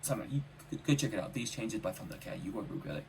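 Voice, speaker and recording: A man's voice: lowish voice, fast, gravelly, a little hiss or hum. A man giving a casual, enthusiastic spoken music review, stressing points by repeating his phrases. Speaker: album reviewer.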